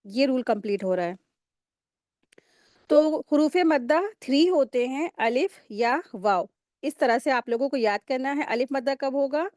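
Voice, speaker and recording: A woman with a high, light voice teaches a recitation class, laying out each rule patiently and repeating it so students can memorize it. She slows to a crawl to sound out letters and stretch vowels. The recording is dry and close, with no room sound. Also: a little mellow, dry recording. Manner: slow drawn-out syllable-by-syllable demonstrations. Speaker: tajweed teacher. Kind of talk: online recitation lesson.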